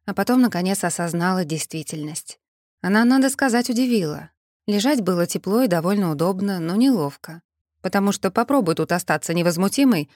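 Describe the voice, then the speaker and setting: A woman narrating a first-person fantasy audiobook in a measured, expressive manner. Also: medium pitch, dry recording, studio quality.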